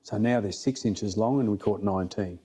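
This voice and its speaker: Here a middle-aged Australian fly fishing guide relates stories on a podcast in a relaxed, blokey, plain-spoken way, with emphatic repetition. He speaks a little fast in a lowish, mellow voice that's slightly rough.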